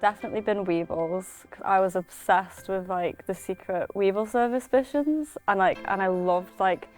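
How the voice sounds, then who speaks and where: A woman's voice: medium pitch, normal speed, faint music behind. A nineteen-year-old woman from the Isle of Man rambling happily in an interview. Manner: giggly, rambling.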